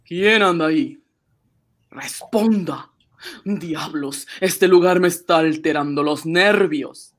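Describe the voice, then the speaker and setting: An actor playing a suspicious, threatening police inspector in a radio drama, barking demands with gasping unease. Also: male voice, on the high side, slow pace, a bit bright. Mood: uneasy, demanding.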